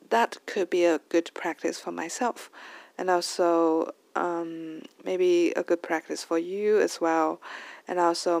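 A woman's voice: on the low side, gravelly, no room sound. A woman with a Chinese accent, native Chinese speaker, hosting a casual spoken English lesson, thinking aloud with many fillers and restarts and singing out stressed syllables to show rhythm. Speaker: host of language tips show.

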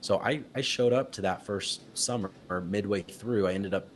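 Low-voiced man telling stories animatedly. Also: moderate pace, slight background noise. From Utah. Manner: animated, laughs often, acts out quotes. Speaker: guest, company founder. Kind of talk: casual interview storytelling.

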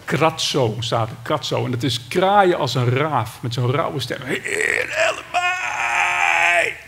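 A man's voice: mid-range voice, unhurried, gravelly, a little hiss or hum. A man with a Dutch accent preaching a sermon, reading scripture and retelling it with dramatic cries. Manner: dramatic, shouts out the beggar's cry.

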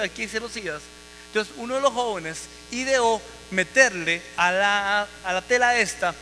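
A male preacher delivers a vivid, emphatic testimony from the pulpit. His voice sits high and sounds bright and forceful. It carries through the long reverb of a church hall over a faint mains hum. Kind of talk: sermon testimony.

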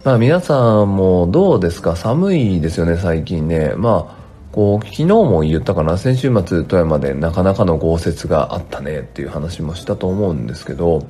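Deep and mellow, this man speaks at a normal speed with lively intonation. He's a tax accountant doing a casual solo podcast in his home work room over a studio mic, rambling chattily with many fillers in a dry, strained morning voice.

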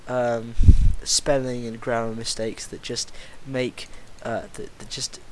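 A man's voice: mid-range voice, little pitch movement, slow pace, poor audio. A man hosting a casual podcast, rambling with lots of fillers and restarts. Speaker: podcast host. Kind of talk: casual chat. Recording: loud background noise.

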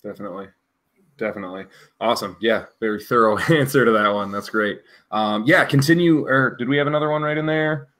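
A man's voice: lowish voice, a little fast, fairly bright tone. A man interviewing a guest, affirming his answers and nudging him on with loose fillers. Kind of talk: casual interview prompting.

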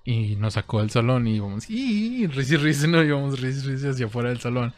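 A man's voice: mid-range voice, animated, fast talker, a little hiss or hum. A man in his thirties with a Mexican accent, chatting casually and laughing as he tells stories and acts out what people said. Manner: laughing anecdote-telling, acting out quotes. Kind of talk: casual podcast chat.

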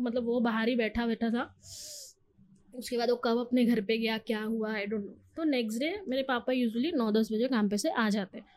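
A woman's voice: on the high side, a little mellow. A young woman, a podcast guest telling a personal story with emotion and acting out what others said. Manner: emotional, mixes English into Hindi, acts out quotes.

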